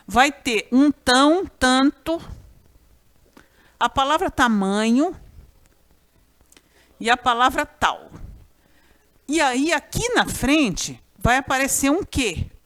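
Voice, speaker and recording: Lively Brazilian woman teaching grammar. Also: sits high. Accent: Brazilian Portuguese. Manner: lively, chatty, often addresses students directly. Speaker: Portuguese teacher. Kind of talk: recorded grammar class.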